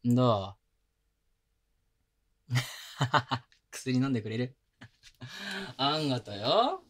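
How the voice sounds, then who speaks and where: In a Japanese girlfriend-experience roleplay audio drama, a voice actor plays a young boyfriend, rough-spoken but doting, who coaxes and pampers his partner, tender and teasing. Recorded close on a binaural mic, his mid-range voice is very animated and exaggerated, drawing out words in rough casual slang softened at times with gentle, close whispers.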